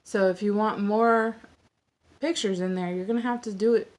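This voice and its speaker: A woman's voice: mid-range voice, steady tone, normal speed. Woman store owner rattling off how-to tips at speed, blunt and fed up with tedious work. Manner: chatty, exasperated, blunt. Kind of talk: fast casual tutorial rant.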